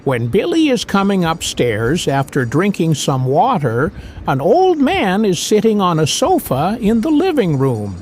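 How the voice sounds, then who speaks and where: A man's voice: high-pitched, wildly swooping pitch, unhurried, a little hiss or hum. A man narrating a scripted movie recap, walking through the plot scene by scene in a plain storytelling manner.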